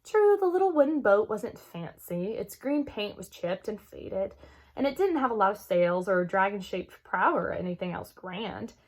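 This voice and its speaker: A woman with a mid-range voice reads aloud from a children's chapter book, telling the story expressively at a normal speed.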